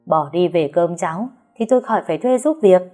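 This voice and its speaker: A woman doing a sharp-tongued old mother-in-law. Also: medium pitch, lively intonation, normal speed, faint music behind, close to an everyday voice. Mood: scornful. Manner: sharp, contemptuous scolding. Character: harsh scolding older mother-in-law.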